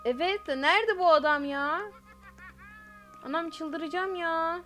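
High, bright-voiced woman gaming host. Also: measured pace, faint music behind. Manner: frantic calling out names. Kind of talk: frightened gameplay commentary.

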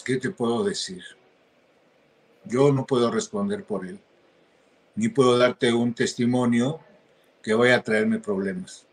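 A man answering interview questions in a hesitant, halting way, with many restarts. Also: mid-range voice, steady tone. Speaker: interview guest.

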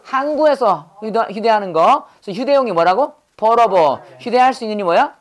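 A middle-aged male pastor teaches English vocabulary in a classroom lesson with call-and-response drills, having the class repeat words, asking quiz questions, and correcting pronunciation. His voice is high and expressive, at a moderate pace.

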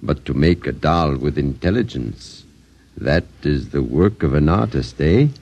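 An actor playing an old dollmaker who speaks in a formal, flowery way. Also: male voice, very deep voice, animated, a little slow, creaky, a little mellow, full character voice. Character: old Italian dollmaker, courtly and sly. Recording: dull 1950s radio recording.

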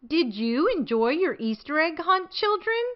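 A woman's voice: high voice, very animated, a little slow, muffled recording, pitched above the performer's own voice. A woman voicing a kindly old female pig in a children's storybook, instructing children cheerfully. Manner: bright-spirited, instructive to children.

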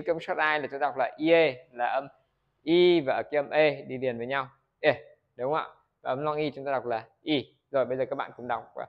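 A man's voice: mid-range voice, dull audio. A Vietnamese man teaching English pronunciation in a video lesson. He keeps asking the viewers questions, answers them himself and models words for them to repeat.

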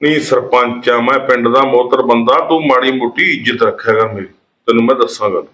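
A man's voice: medium pitch, fairly even intonation, a little fast, fairly bright tone, echoey room, natural voice, low-quality recording. A man playing a defensive village headman. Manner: keeps asking "okay?", defensive when scolded. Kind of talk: amateur short film acting.

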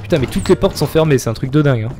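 A man's voice: medium pitch, lively intonation, very fast, darkish tone, slight background noise. A young man chatting and joking as he streams a horror game, reading chat and yelping at scares. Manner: chatty, jokey, reacts with yelps and laughs. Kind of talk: live gameplay commentary.

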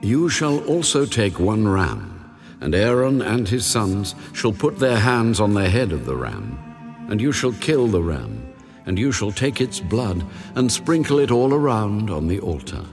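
An actor playing God as a solemn, commanding male deity, giving sacred instructions deliberately in a dramatized audio Bible. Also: on the low side, big pitch swings, darkish tone. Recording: long reverb over background music. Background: music.

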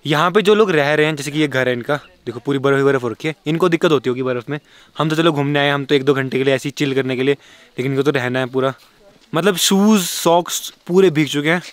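A young man vlogging casually, chatty and excitable, talking straight to his viewers. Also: a little high, fast talker, dry recording. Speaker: travel vlogger. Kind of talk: casual vlog narration.

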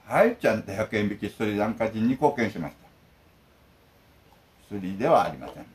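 A man's voice: fairly low pitch, moderate pace, rough recording. A talkative middle-aged man, the manager of a bento shop, telling stories in casual chat. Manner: talkative, lively storytelling.

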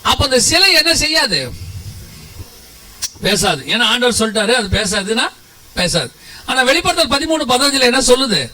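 A man's voice: very high voice, sing-song, moderate pace, long pauses, bright, forceful tone, far from the mic, low-quality recording. A man preaching a sermon, asking his listeners questions and answering them himself, with touches of humor.

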